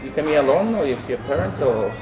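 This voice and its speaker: A man interviewing a guest, asking questions in a halting way with frequent restarts. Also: a little high, expressive, over music, low-quality recording.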